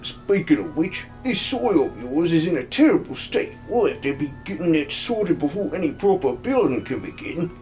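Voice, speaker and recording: In a video game dub, a performer plays a jolly old hermit, fussy and excitable, who has a tic of stuttering each word three times over. The medium-pitched voice swings widely in pitch, moves at normal speed with hardly any pauses, has a darkish tone and stays close to an everyday voice, with faint music behind.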